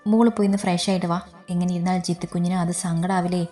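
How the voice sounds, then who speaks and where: A woman voicing a kind, motherly middle-aged caretaker who gently coaxes a young girl, read low and evenly. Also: flat delivery, racing, reverberant, soft background music, close to an everyday voice. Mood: coaxing. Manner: coaxing, motherly.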